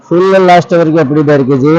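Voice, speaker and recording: A man with an Indian accent giving an enthusiastic, repetitive shop sales pitch, urging viewers on and tossing out rhetorical questions. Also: very fast, darkish tone, no echo, lo-fi sound. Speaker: saree shop owner and sales presenter.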